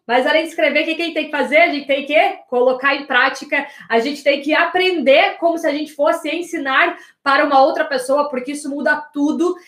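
A Brazilian woman mentor giving an energetic online class, talking straight to her viewers and asking them rhetorical questions. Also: high-pitched, reverberant. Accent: Brazilian Portuguese. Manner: energetic, addresses audience as "gente", asks rhetorical questions. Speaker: business and communication mentor.

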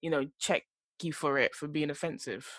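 A woman's voice: low voice, moderate pace, no room sound. A young woman, chatting casually and animatedly as a podcast co-host. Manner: animated, fillers like "do you know what I mean". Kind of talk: casual chat.

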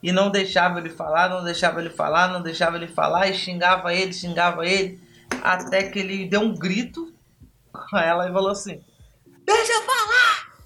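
Lively Brazilian-style podcast storyteller man. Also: sits high, brisk, a little hiss or hum. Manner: lively, acts out dialogue. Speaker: podcast host and trainer. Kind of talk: storytelling talk.

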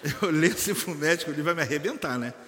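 A high-pitched, animated man preaching at a church service, swinging his voice up and down as he jokes and acts out little scenes. His tone is bright and cutting, and the sound carries a long hall reverb. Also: fast talker, slight background noise. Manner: animated, joking, acts out church members and a doctor. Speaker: apostle and church leader. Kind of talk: lively sermon.

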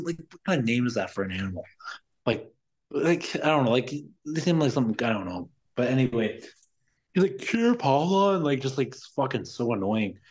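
A man talking at a medium pitch in loose, casual conversation. He tells his story in fits and starts, piles up "like"s and swear words, and sounds openly exasperated with the careless people in it. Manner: rambling, profane, exasperated. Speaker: podcast guest.

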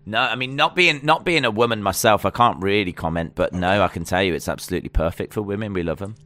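A man's voice: on the low side, quick pace, bright, forceful tone. A man co-hosting a podcast in casual chat, teasing his co-host with dry, mock-serious banter.

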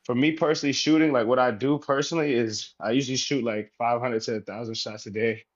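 In dull, lo-fi audio, an easygoing professional basketball player from the U.S. talks fast as a guest in a casual interview. His medium-pitched voice wanders along loosely, thick with fillers like "you know."

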